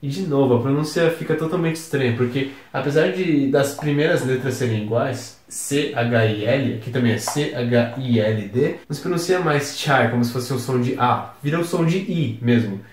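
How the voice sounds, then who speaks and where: A man with a Brazilian Portuguese accent gives a recorded lesson in a calm, patient way, stopping to spell words out one letter at a time. His voice sits at an ordinary middle pitch. The room around him adds a clear echo. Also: moderate pace, few pauses, slight background noise. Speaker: English teacher.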